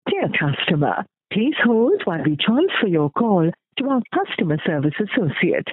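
A woman reads automated phone-menu prompts in a lively, rising and falling voice, with a slightly breathy tone. She spaces out amounts and dates slowly and carefully. It all comes through a thin, tinny phone line. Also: mid-range voice, no echo. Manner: slow, carefully spaced numbers. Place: studio voice heard through a phone call.

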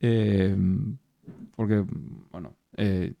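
This man, an actor guest with a Paraguayan Spanish accent, speaks extremely slowly in a fairly low, mellow voice with a steady tone and no room sound. It's a casual interview over beers in a bar or café, and he's reflective, with plenty of restarts and tag questions.

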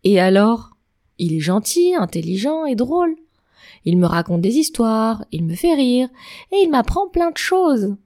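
A woman voicing a bored, bookish young princess who speaks in a high, airy, dismissive way. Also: big pitch swings, measured pace, a little mellow, dry recording, studio quality. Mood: airy defiant.

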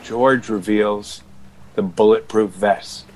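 A man's voice: lowish voice, steady tone, slow pace, a little mellow, a little hiss or hum, poor audio. A man narrating an audio drama in a dramatic, scripted style.

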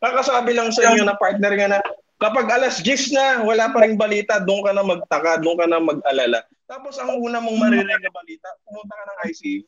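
A man from the Philippines, a host, telling a personal story in casual chat, animated and swearing as he acts out what people said. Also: sits high, quick pace, muffled recording.

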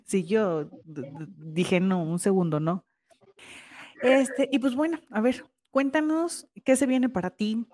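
A woman's voice: medium pitch, takes it slowly, a little mellow. A woman hosting a casual conversation, reacting with short interjections and some stammered restarts. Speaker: host.

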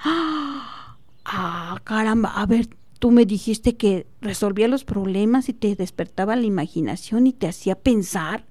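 A woman voicing a friendly, curious young male student who asks soft questions. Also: mid-range voice, expressive, a little slow, no room sound, natural voice.

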